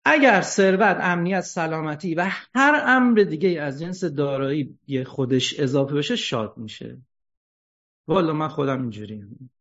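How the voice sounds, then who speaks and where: A man giving an ethics lecture, animated, asking rhetorical questions and joking wryly. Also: a little high. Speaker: religious lecturer. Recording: dull lo-fi recording.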